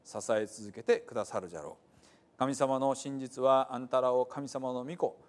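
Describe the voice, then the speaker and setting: A man's voice: mid-range voice, normal speed. A man reading scripture aloud in a Hiroshima dialect, earnest and emphatic.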